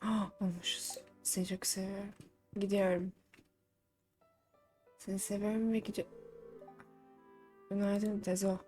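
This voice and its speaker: A woman's voice: medium pitch, a little mellow. A young woman streaming a farming game, chatting to the characters and bursting into exasperated complaints. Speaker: gaming streamer. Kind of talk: live let's-play commentary. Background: faint game music.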